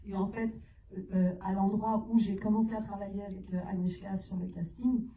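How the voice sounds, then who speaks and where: A woman's voice: mid-range voice, steady tone, moderate pace, mellow, slight background noise. A woman actress of Iranian origin, answering questions at a cinema talk in hesitant phrases with many fillers. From Iran. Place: cinema hall. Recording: echoey, distant and muffled room sound.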